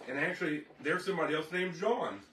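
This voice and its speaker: A man's voice: a little high, fast, bright, forceful tone. A man co-hosting a casual live stream, reading viewer comments in a laid-back, rambling way. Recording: roomy, distant from the mic, faint background noise.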